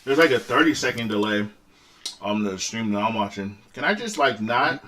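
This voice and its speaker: Young man, mukbang streamer, talks with his mouth full, loose and profane, very lively pitch, faint background noise. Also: normal speed. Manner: loose and profane, addresses chat as y'all. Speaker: streamer eating on camera. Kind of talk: casual live-stream chat while eating.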